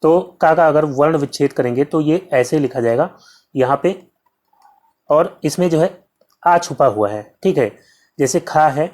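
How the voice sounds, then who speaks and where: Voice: mid-range voice, measured pace, pauses often, darkish tone. A Hindi teacher giving an exam-prep lesson, drilling points by asking questions and answering them, with the filler "जो है" in almost every sentence. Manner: heavy use of filler "जो है".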